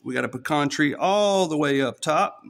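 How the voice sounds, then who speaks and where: East texas guy scratching tickets, chatty, kinda high voice, talking right to his followers. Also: lively intonation, moderate pace, gravelly, a bit bright. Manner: chatty, talks straight to followers. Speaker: streamer scratching lottery tickets. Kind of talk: casual play-by-play vlog.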